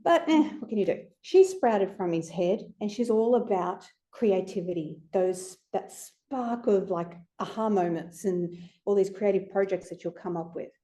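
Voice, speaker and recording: Chatty woman with a dark voice. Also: mid-range voice, measured pace, hardly any pauses. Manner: chatty and conversational, with playful asides. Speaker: astrology speaker presenting to a group. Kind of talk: informal lecture.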